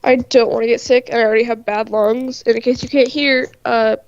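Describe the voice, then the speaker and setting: A woman's voice: a little high, fairly even intonation, fairly quick, no echo. A woman chatting on a livestream with a stuffy nose and a nasal sound, laughing often and saying "like" a lot. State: stuffy-nosed, congested. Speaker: artist on a livestream. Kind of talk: casual chat. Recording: dry, dull lo-fi stream audio.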